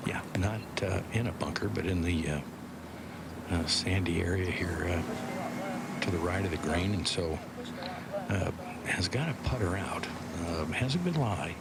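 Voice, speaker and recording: Man, golf commentator, very deep voice, measured and understated, loud outdoor background noise. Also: expressive. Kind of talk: golf commentary, conversational shot-by-shot description.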